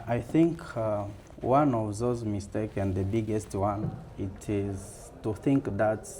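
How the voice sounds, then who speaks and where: An African-accented man gives interview answers in a fireside chat. His voice is low and soft-edged, and he speaks slowly and deliberately, with pauses. Faint room noise sits behind him. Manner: halting, deliberate.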